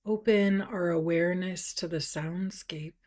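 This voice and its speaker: A woman leads a guided meditation in a soft, gentle manner, her voice on the low side and her tone steady. Pauses come slowly and unhurried, and now and then she sounds breathy.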